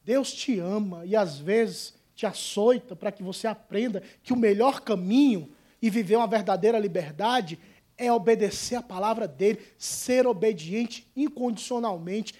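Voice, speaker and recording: A fiery male pastor, preaching in a church. His talk is colloquial and punchy, and it swings between shouted lines and hushed asides. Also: sits high, normal speed. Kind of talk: sermon.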